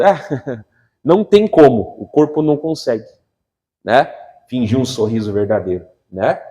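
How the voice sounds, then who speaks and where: A man preaching a lively sermon, who keeps asking the crowd rhetorical questions and acts out little scenes with humor. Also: mid-range voice. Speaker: pastor.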